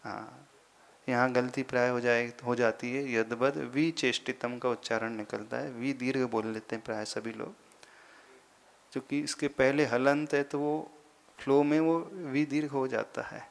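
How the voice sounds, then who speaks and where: A man, a monk teaching Sanskrit verse pronunciation, patiently repeating syllables slowly and deliberately. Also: medium pitch, fairly even intonation, vocal fry. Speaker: Jain monk teaching scripture recitation. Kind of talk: slow explanatory lesson on Sanskrit pronunciation.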